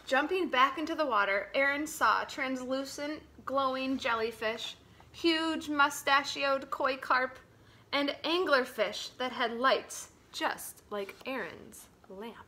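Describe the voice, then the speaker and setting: A teacher reads a picture book aloud to children in a high, bright voice. She tells the story slowly and dramatically, taking her time. Her phrasing shifts between hushed moments and strong, emphatic ones.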